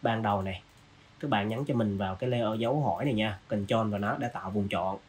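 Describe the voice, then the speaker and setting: A man hosting a design software tutorial, casually walking through each step with lots of fillers. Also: lowish voice, fast, breathy edge. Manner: casual, walks through steps with many fillers. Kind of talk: screen-recorded software tutorial.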